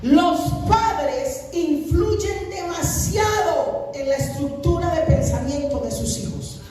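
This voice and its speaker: A woman's voice: very high voice, animated, takes it slowly, warm tone. A woman pastor preaching a sermon emphatically, now and then breaking into sung phrases. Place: church hall. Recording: echoey hall, mic at a distance.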